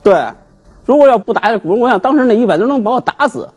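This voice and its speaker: Man, husky, high lively voice, aggrieved talk-show guest. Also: fast. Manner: animated, aggrieved. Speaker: guest, husband seeking divorce. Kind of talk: emotional storytelling on a TV talk show.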